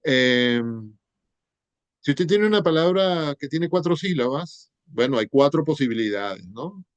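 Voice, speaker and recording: A man's voice: a little high, animated, a little slow, no echo. A middle-aged man giving a university lecture on spelling, explaining step by step and checking in with rhetorical questions. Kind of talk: class lecture on spelling rules.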